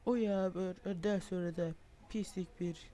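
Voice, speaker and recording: A young man giving frustrated gameplay commentary, swearing, groaning and shouting in exasperation as he plays. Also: high voice, fairly even intonation, moderate pace. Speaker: gaming video creator.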